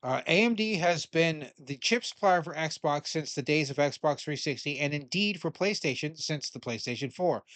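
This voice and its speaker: A man's voice: on the high side, dry recording. A man giving casual, opinionated commentary while reading a news article aloud and arguing with it. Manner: blunt, opinionated, swears casually; argues with the article as he reads it aloud.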